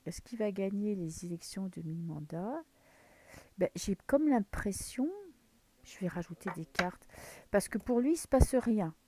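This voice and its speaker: A woman's voice: mid-range voice, a little slow, darkish tone. French woman musing over tarot cards. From France. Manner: muses aloud while drawing cards, drops into whispers. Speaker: tarot card reader. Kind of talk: casual tarot reading to camera.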